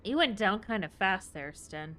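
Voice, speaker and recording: A woman's voice: mid-range voice, lively intonation, normal speed, a bit bright. A woman hosting a game playthrough with casual, wry, slangy commentary.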